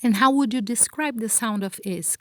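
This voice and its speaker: A woman hosting a podcast, reading a scripted introduction with clear, upbeat delivery and then asking interview questions. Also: fairly high pitch, normal speed.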